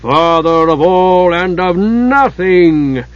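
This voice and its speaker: A man voicing a huge, mocking male fire giant, the father of chaos, with a slow, booming, taunting delivery. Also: fairly bright tone, no room sound, dull audio. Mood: menacing.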